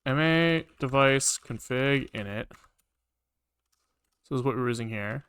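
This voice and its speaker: A man livestreams his programming in a medium-pitched, slightly slow voice that is a bit bright, clear and resonant, recorded dry. He casually thinks aloud, mutters to himself, repeats phrases and swears now and then. Keyboard typing and clicking sound in the background.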